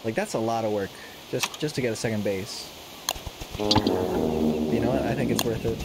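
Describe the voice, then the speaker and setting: A man streaming a survival game late at night, commenting to himself in a jokey, excitable way. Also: on the low side, fast, gravelly, very noisy. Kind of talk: casual gameplay commentary. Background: loud game music.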